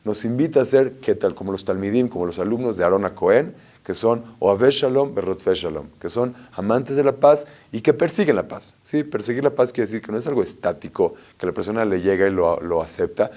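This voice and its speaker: A rabbi giving a lively Torah lesson, telling stories and asking rhetorical questions. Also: male voice, lowish voice, a little fast, hardly any pauses. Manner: animated storyteller, asks rhetorical questions.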